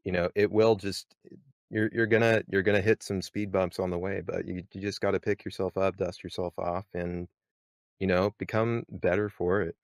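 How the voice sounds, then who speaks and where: A man's voice: low-pitched, little pitch movement, moderate pace, no room sound, studio quality. A man moderating a casual podcast chat, rambling with many fillers and restarts.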